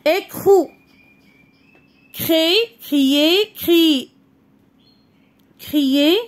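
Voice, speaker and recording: A woman's voice: high voice, slow pace. A woman teacher, sounding out French syllables one by one for young pupils and explaining in Arabic. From Morocco. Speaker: primary school French teacher. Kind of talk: slow syllable-by-syllable reading lesson.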